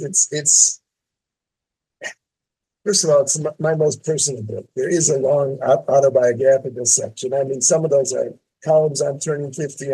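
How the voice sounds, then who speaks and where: A man's voice: medium pitch, dark tone, husky, low-quality recording. An older man, a columnist talking reflectively in an interview with many restarts and fillers. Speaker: guest columnist. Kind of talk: casual interview talk.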